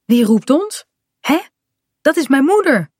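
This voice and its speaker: A woman's voice: high voice, big pitch swings, unhurried, a little mellow, no room sound, clean studio sound, voice pushed up. A woman voicing a young boy in a children's storybook reading, a bit grumbly and mumbling. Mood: tired. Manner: mumbling, slightly sulky. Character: young boy, a bit grumpy, tired rower.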